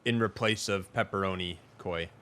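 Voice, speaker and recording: A man's voice: low voice, normal speed, a bit bright, slight background noise. A young adult man from Wisconsin, chatting casually and rambling frankly to his viewers during a gaming livestream. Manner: rambling, frank, talks to chat.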